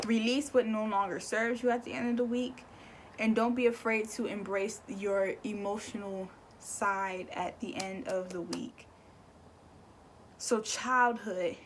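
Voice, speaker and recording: A woman's voice: mid-range voice, slight background noise. A young woman giving a casual spiritual card reading, chatty, repeating words and swearing offhandedly. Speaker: tarot and oracle card reader.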